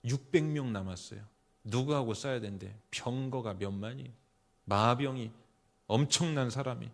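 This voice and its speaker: A middle-aged man preaching a sermon in a church, emphatic, putting rhetorical questions to the congregation and swinging between loud exclamations and quiet asides. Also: medium pitch, moderate pace, creaky. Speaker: pastor. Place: church sanctuary.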